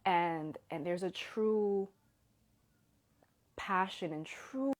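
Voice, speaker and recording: Speaking extremely slowly in a lowish voice, a woman in her thirties talks earnestly on her Instagram Live. It's emotional, casual stream talk, and when moved she falls to a whisper, fighting back tears.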